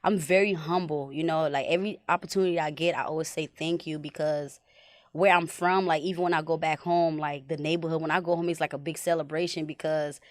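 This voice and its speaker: A young Haitian film director talks casually as a podcast guest, telling stories reflectively and filling them with lots of "like" and "you know." Her voice is low and steady, fairly quick, in a dry recording.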